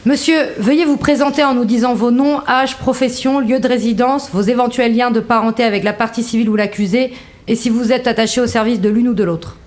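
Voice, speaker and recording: An actress playing a firm, formal presiding judge with an authoritative manner in a courtroom audio drama. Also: female voice, on the high side, steady tone, fairly quick, darkish tone, lightly acted. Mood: formal, composed.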